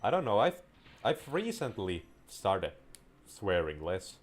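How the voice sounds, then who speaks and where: A Finnish-speaking man with a low-ish, very animated voice talks slowly as he does casual let's-play commentary on a game. He rambles, wanders off on tangents and restarts sentences.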